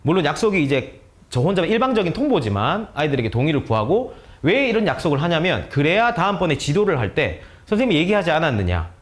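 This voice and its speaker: A man's voice: a little high, big pitch swings, fast talker. A male teacher earnestly explaining how to guide students, giving practical advice to other teachers and acting out sample conversations. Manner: earnest, explanatory, acts out dialogues. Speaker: teacher, guest speaker.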